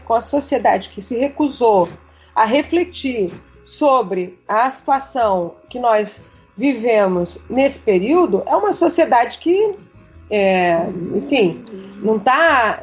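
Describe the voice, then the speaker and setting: A woman professor speaks as a guest on a podcast, with a husky, breathy voice. She thinks aloud, breaking off and restarting her phrases. The audio sounds muffled and low-fidelity. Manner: hesitant, many restarts and fillers. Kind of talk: podcast interview, reflective answers. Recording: dull, lo-fi audio with faint music.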